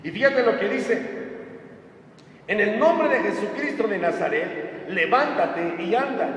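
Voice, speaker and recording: A man's voice: high-pitched, animated, measured pace, fairly bright tone, a little hiss or hum. A man preaching a conversational sermon, acting out voices as he retells stories. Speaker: pastor. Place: church hall. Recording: echoey hall from far off.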